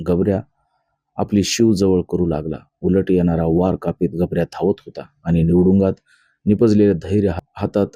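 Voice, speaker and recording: A man's voice: low voice, warm tone, slightly rough, dry recording, studio quality. A man reading a novel aloud as a narrator, telling the story steadily and voicing the characters' lines himself. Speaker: audiobook narrator.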